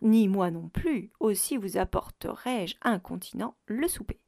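A woman's voice: medium pitch, lively intonation, measured pace, creaky, mellow, no room sound, clean studio sound. A woman voicing a talkative, deferential medieval innkeeper in a storybook reading. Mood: obsequious. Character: chatty, fawning medieval male innkeeper.

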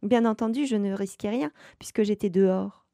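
A woman telling a story aloud, expressive, with dramatic pauses. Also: mid-range voice, gravelly, no echo, studio quality.

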